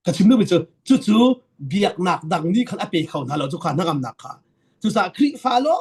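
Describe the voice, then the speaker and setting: A man's voice: sits high, darkish tone, breathy edge. A man, a pastor, giving an earnest sermon-style talk.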